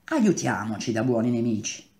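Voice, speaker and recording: A man's voice: medium pitch, very animated, normal speed, warm tone. A man voicing a scheming male traitor villain in a read-aloud novel, taunting and drawn out. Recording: roomy echo.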